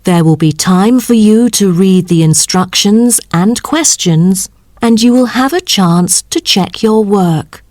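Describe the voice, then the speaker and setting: A woman reading scripted listening test instructions as an announcer, in a measured, formal, instructional manner. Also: mid-range voice, a little mellow, dry recording, clean studio sound. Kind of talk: scripted exam narration.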